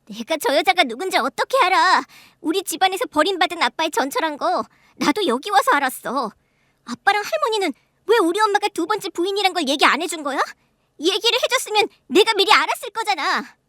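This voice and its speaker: A woman's voice: high voice, sing-song, fairly quick, a bit bright, no echo, clean studio sound, voice pushed up. Whiny defiant daughter voiced by a woman. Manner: whiny, talking back. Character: spoiled, defiant young woman in her late twenties, the elder daughter.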